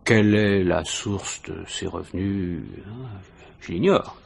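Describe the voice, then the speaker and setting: This male actor's deep, creaky voice moves at a slow pace, deliberately exaggerated, as he plays an ironic, probing police inspector in a French radio mystery styled after the 1950s. Measured and accusing, he keeps up a falsely casual insistence, his questions hesitant and full of insinuation.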